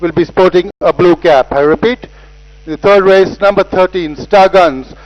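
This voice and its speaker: A man making formal, repeated public address announcements at a racecourse, heard through loudspeakers. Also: high-pitched, moderate pace. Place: outdoor racecourse. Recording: dull, distant loudspeaker sound.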